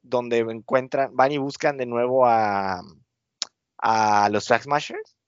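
Smooth and medium-pitched, this man takes things slowly, with no echo but a dull lo-fi sound. As co-host of a podcast, he casually goes over a TV episode, rambling, using plenty of fillers and laughing through acted-out quotes.

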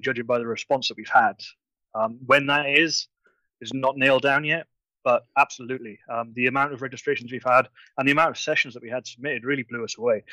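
A Welsh man, a conference organiser appearing as a guest, chats enthusiastically on a casual video call and trips over his words now and then. His medium-pitched voice sounds pushed and bright, captured in a dry, low-quality recording.

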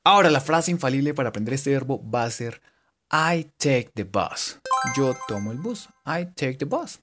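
A man giving a casual, joking English lesson and repeating English words slowly for his students. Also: medium pitch, big pitch swings, over music. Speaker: English teacher. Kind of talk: casual bilingual language lesson.

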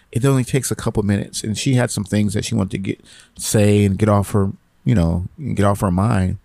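A man's voice: on the low side, gravelly, dark tone, no room sound. A middle-aged man hosting a podcast, giving rambling, encouraging motivational talk and repeating his phrases. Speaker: podcast host.

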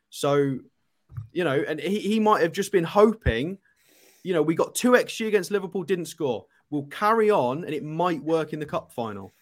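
Insistent, higher-pitched man debating football. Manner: argumentative, insistent. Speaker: football panellist. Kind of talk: live panel debate.

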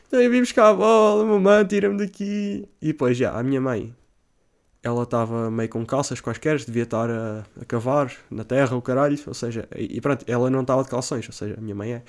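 A young European Portuguese speaker spins a meandering, foul-mouthed tale in a casual register, borrowing English slang along the way. At moments he yells in a high voice to imitate the cries he let out.

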